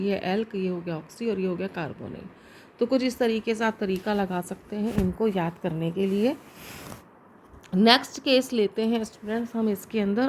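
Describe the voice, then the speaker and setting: A woman's voice: medium pitch, darkish tone, slight background noise. A woman teaching chemistry to students step by step, often asking a question and answering it herself. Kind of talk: classroom lecture to students.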